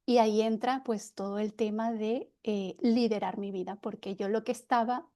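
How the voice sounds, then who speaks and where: Venezuelan woman with a soft, dark voice. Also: medium pitch, fairly even intonation, normal speed. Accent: Venezuelan Spanish. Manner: reflective, many hesitations and restarts. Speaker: panelist, personal development consultant. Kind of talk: webinar panel talk. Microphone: video call.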